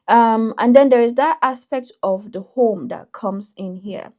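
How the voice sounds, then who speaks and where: Woman giving a mellow tarot reading. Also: fairly high pitch. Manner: thoughtful, intuitive, with frequent restarts and pauses. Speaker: tarot reader.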